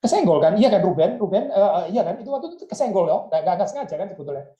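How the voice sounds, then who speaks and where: A man acting out Joseph as a nervous, pleading man who explains away his brothers' wrongs in a high voice. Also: sing-song, rapid-fire, mellow, roomy sound, highs cut off.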